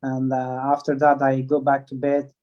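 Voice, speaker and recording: A man's voice: mid-range voice, monotone. Hesitant Afghan man, dull lo-fi sound. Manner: halting, many fillers and restarts, non-native phrasing. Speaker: interviewee, swimmer. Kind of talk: interview answers.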